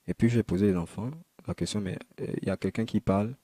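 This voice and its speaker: A man recounts his personal testimony in a quiet, halting manner, circling back and restarting his sentences. His voice sits low and dark with little rise or fall. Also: fairly even intonation, no echo. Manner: halting, repetitive retelling with many restarts. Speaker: man giving a conversion testimony.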